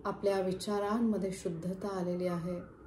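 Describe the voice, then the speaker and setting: A woman leading a guided chakra meditation with slow, soothing instructions. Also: medium pitch, level tone, dark tone. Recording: echoey room, faint background hum.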